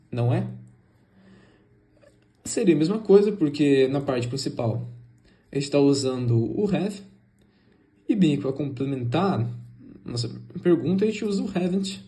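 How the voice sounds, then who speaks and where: Mellow man explaining grammar. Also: fairly high pitch. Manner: loose, searching delivery with restarts and fillers. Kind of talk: explaining grammar in a class presentation.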